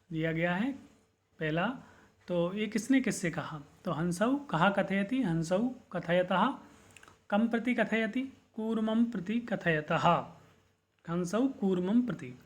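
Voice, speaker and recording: Slow, high-voiced man teaching a class. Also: animated. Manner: repeats each word slowly three times for pronunciation drill. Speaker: Sanskrit teacher. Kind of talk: online class lesson.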